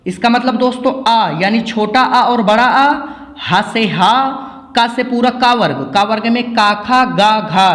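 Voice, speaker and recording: A man's voice: sits high, fairly bright tone. A man giving a quiz-style grammar lesson for exam preparation, asking each question and answering it himself, repeating the key memory tricks. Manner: drills answers by repetition, asks questions then answers them. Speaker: exam-prep teacher. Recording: echoey room with long reverb.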